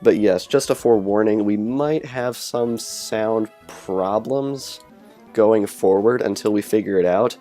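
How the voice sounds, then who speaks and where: Here a man talks loosely through a let's play, rambling, chatty, and fixing his own words as he goes. His low-leaning, mellow voice moves a little slowly. The sound is lo-fi from a cheap earbud headset microphone, with game music behind it.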